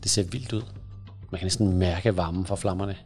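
Give me a man with a gravelly, low voice calmly reading a story and reviewing books. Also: soft background music. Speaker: podcast host, book reviewer.

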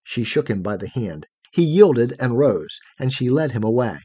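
A man narrating a fairy tale in an expressive, measured reading. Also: mid-range voice, breathy edge, dry recording. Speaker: audiobook narrator. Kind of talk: storybook narration.

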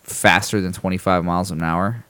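A man with a low voice talks through a story in a loose, rambling way, full of fillers and restarts. He throws himself into the other people's lines as he tells it. The sound is dry, with no room around it. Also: fairly even intonation, moderate pace, sharp tone, clear, resonant tone, no echo. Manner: acts out people's lines in a raised voice when telling stories. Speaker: podcast host. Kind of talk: casual chat, storytelling.

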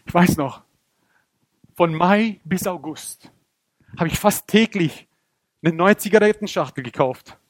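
Young man, animated sermon testimony, high-pitched, dry recording. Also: dry recording. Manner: animated storytelling, acts out scenes, voice climbs when excited. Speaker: preacher.

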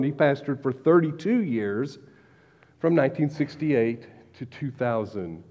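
A man preaching a sermon as pastor, measured, slowing down to stress key words. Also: mid-range voice. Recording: dull lo-fi recording with long hall reverb.

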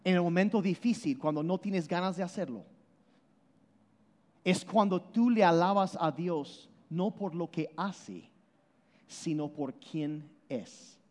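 A man preaching a sermon, animated and emphatic, often repeating and restarting his words as he explains. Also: slow. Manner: animated, shifts between loud emphasis and low intensity. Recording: long hall reverb.

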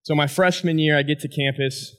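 Male speaker, fairly high voice, animated storyteller checking in with the crowd, personal testimony talk. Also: brisk. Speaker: former college athlete giving a talk. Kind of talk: personal testimony speech to an audience.

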